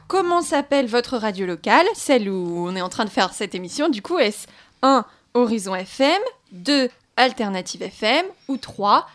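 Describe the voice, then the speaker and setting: High-voiced woman presenting a radio quiz. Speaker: radio co-host running the quiz.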